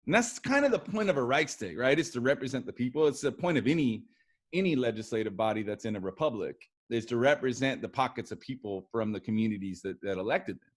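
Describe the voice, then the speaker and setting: A man teaching a history lesson in a relaxed, chatty way, acting out what historical figures said. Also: medium pitch, fast talker. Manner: animated, acts out quotes of historical figures. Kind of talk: casual classroom lecture.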